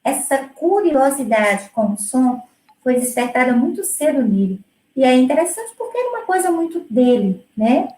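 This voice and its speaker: A middle-aged woman, a music educator, talking through her work in a relaxed, explanatory way with many fillers and restarts. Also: high voice, reverberant, poor audio. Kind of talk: conversational presentation.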